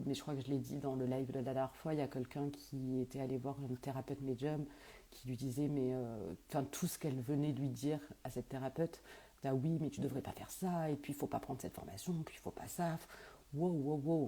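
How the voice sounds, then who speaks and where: A woman's voice: very deep voice, mellow, breathy edge. A woman working as a medium who answers viewers' questions in a casual live stream, talking hesitantly with many fillers and restarts.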